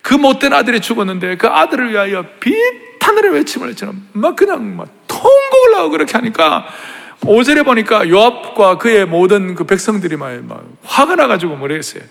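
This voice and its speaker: A male pastor preaching a sermon, telling the story dramatically and swinging between hushed tones and shouts. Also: very high-pitched, wildly swooping pitch, fairly quick, gravelly, big-room sound.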